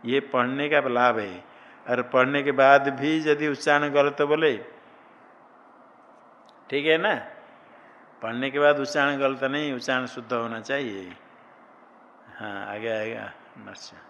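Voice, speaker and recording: A man teaches a Sanskrit grammar lesson at an unhurried pace, asking question after question and insisting on exact pronunciation. His voice is bright and forceful. The room rings with a long reverb over a faint hum of ambience. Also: mid-range voice, steady tone, highs cut off. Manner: slow, drilling questions and answers, correcting pronunciation.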